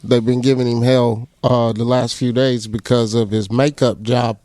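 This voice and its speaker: A man's voice: mid-range voice, little pitch movement, normal speed, mellow, dry recording. A man co-hosting a podcast in casual chat, laid-back and profane, laughing as he tells stories. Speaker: podcast co-host.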